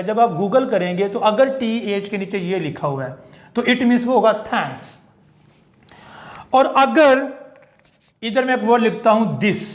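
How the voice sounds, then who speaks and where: A man with a Pakistani Urdu accent teaching English pronunciation in a classroom lecture, explaining slowly and repeating example words. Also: high-pitched.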